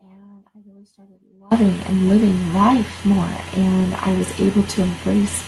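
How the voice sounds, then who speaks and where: On a rough recording with a little hiss or hum, a woman in her forties speaks at a measured pace in a steady, medium-pitched, creaky voice. As a life coach doing casual livestream talk, she's blunt, swears, and repeats words when she's worked up.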